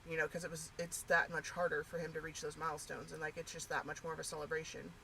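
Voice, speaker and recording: A woman's voice: low voice, flat delivery, fast, creaky, pushed and bright, slight background noise, poor audio. Candid rambling woman, casual chat. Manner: candid, rambling, many "like" fillers.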